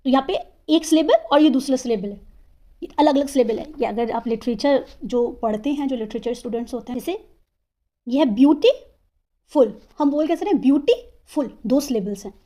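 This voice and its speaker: A woman teacher explaining English grammar, asking herself questions and sounding out words slowly, syllable by syllable. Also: high-pitched, mellow. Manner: asks and answers her own questions.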